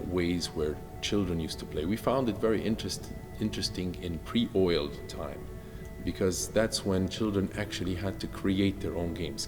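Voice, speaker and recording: A man from Egypt speaks with a very low voice, walking through his design project in a calm, explanatory way. The room adds a long reverb tail. Music plays clearly underneath him. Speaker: architect. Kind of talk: documentary interview.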